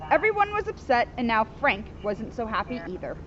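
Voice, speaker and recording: Outdoors in a sunny spot by a school, a female police officer reads a children's book aloud with expression, dropping in chatty asides. Her voice is fairly high and sing-song, moving at a fairly quick pace over a noisy crowd. The outdoor recording sounds dull and carries faint noise.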